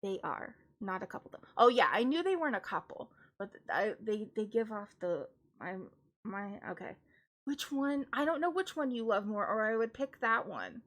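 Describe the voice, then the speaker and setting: A young woman who is a classical singer chats casually on a live stream, with lots of restarts and giggly asides, before singing along. Her high singing voice has big pitch swings, and she talks at a moderate pace.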